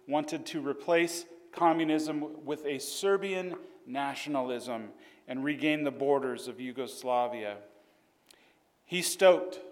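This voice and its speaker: A man's voice: a little high, long reverb tail. A man preaching a sermon, telling a story in an earnest way, sometimes restarting his words. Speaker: pastor.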